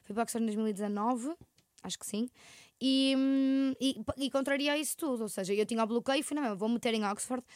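Young woman, European Portuguese accent, rapid rambling storyteller, higher pitch, dry close mic. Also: no room sound. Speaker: podcast co-host. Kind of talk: casual chat.

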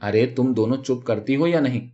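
A man voicing a harried, blustering working-class husband who yells at his quarrelling wives in a storybook reading, on a dull lo-fi recording. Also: medium pitch, natural voice. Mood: exasperated. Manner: yelling, stammering when cornered.

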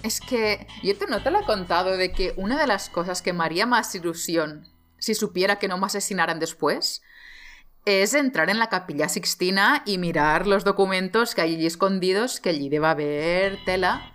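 A woman's voice: mid-range voice, normal speed. Joking woman chatting, faint music. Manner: animated, jokey, with many asides and fillers. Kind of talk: casual chat.

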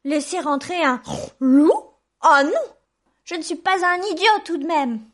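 A woman voicing a small, clever young male pig in a children's story, speaking high and loud. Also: unhurried. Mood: defiant. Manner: high, bright and defiant.

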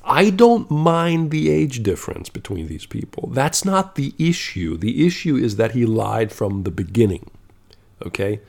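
A man's voice: medium pitch, sing-song, measured pace, gravelly, a little mellow. A man telling a story in a casual monologue, blunt and profane, growing exasperated and checking in with "okay?".

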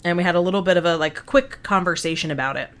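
A woman's voice: fairly low pitch, quick pace, fairly bright tone, clear, resonant tone. A woman co-hosting a casual podcast, chatting with lots of fillers and giggles. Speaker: podcast co-host. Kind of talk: casual chat.

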